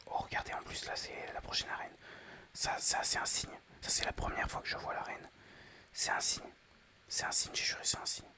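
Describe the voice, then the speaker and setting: Speaking at normal speed, this man gives whispered ASMR commentary over a mobile game, addressing viewers in a chatty, excitable way.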